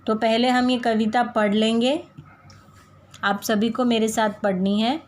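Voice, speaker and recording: A woman teaching young children a Hindi lesson, saying example words slowly and deliberately so they can repeat after her. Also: on the high side, steady tone. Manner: slow, carefully drawn-out pronunciation of example words. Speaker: primary school Hindi teacher.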